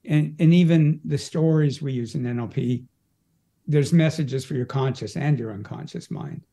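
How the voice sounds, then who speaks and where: A man's voice: medium pitch, moderate pace, mellow. A man who works as an energy practitioner, talking as an interview guest, explaining his practice with frequent restarts. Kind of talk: casual conversational interview.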